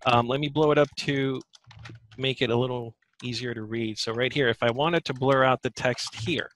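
A man working as a software trainer, giving a live screen-share demo in a webinar and thinking aloud as he goes. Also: mid-range voice, fairly even intonation, moderate pace, a little hiss or hum. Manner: thinks aloud while demonstrating.

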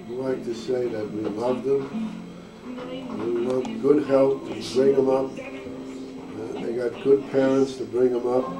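A man's voice: medium pitch, fairly even intonation, slow. Older man on an old VHS home video. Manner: plain, simple short sentences. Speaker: grandfather and navy veteran. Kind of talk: family home-video interview. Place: family home at Christmas. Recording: echoey, distant camcorder mic with music behind.

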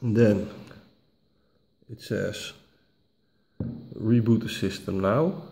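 A tech tutorial host with a slow, low male voice gives an unhurried step-by-step screen walkthrough, filling it with "uh" sounds and correcting himself often. His voice has vocal fry and a dark tone, and there is slight background noise in his home dining room. English is not his first language, which seems to be Dutch.

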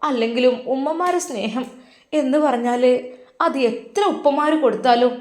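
A woman's voice: sits high, moderate pace, a little mellow, voice pushed up, lightly acted. A woman voicing a pious older auntie. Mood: prayerful. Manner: prayerful, resigned. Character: older woman, pious, sighing over fate. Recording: roomy echo.

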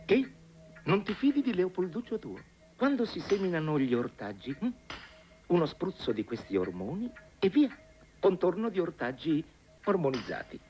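Leopoldo, a chuckling old inventor. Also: male voice, sits high, very animated, moderate pace, soft background music. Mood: boastful chuckling. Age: older. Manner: chuckling, boastful. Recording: dull old film soundtrack.

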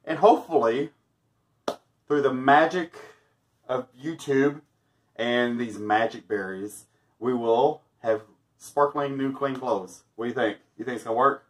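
Speaking at an unhurried pace in a medium-pitched voice, a man in his thirties tries out a laundry product and keeps the talk casual, frequently joking and laughing. A camera mic captures him in a small room in front of a backdrop with stars.

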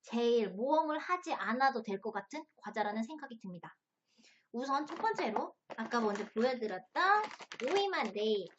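A woman's voice: a little high, lively intonation, moderate pace, dull audio, slight background noise. A woman hosting a casual mukbang review, talking as she tastes crunchy chips and snacks. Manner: tasting and eating chips and snacks while talking.

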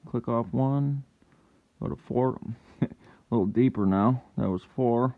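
A gravelly, mid-pitched man talks his viewers through a fiddly hands-on job, muttering his progress as he goes and now and then breaking into frustrated outbursts. The recording is a bit muffled and lo-fi, like a home setup. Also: a little slow. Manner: muttering to himself while working, with sudden frustrated yells. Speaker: lockpicking hobbyist channel host. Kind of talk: casual hands-on commentary.

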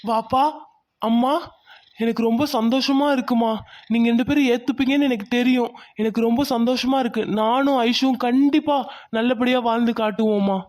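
A man's voice: very high-pitched, steady tone, a little fast, darkish tone. A man voicing an earnest young cartoon son. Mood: grateful. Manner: earnest, eager. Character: young son, nervous then grateful.

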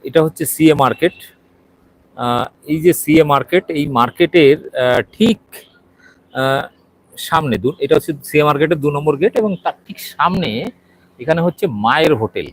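A man's voice: on the high side, normal speed, pauses often, rough recording. Hesitant man reporting on the street. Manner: hesitant, many fillers, guiding the viewer. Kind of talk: walking video report. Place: outside and inside a small restaurant.

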